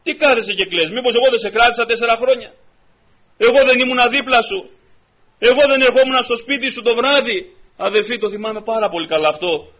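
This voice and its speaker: A man preaching a testimony sermon to his congregation, fervent and building up into loud, repeated exhortations. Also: very high voice. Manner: peppers stories with repeated "I say".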